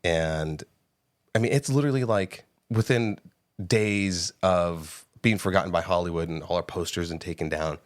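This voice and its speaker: A man co-hosting a podcast, giving a casual, animated movie review with frequent swearing and laughter, close on the mic. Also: low voice, moderate pace, no room sound. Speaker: podcast co-host. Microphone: close studio mic.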